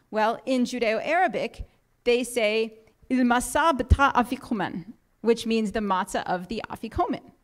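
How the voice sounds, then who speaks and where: A woman giving an explanatory talk to a congregation in a synagogue, lightly humorous and full of quoted examples. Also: high-pitched. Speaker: guest speaker. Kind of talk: lecture to a congregation.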